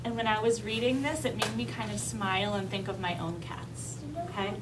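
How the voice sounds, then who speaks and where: A kindergarten teacher reads aloud interactively, coaxing the young children with simple instructions and questions. Her mid-range voice has fairly even intonation and a normal speed. The mic is distant and the room is noisy.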